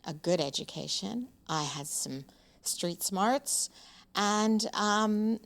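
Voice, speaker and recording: A woman's voice: mid-range voice, expressive, slow. A woman in her seventies, a podcast interview guest, speaking frankly and emphatically with frequent "um" fillers. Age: 70s.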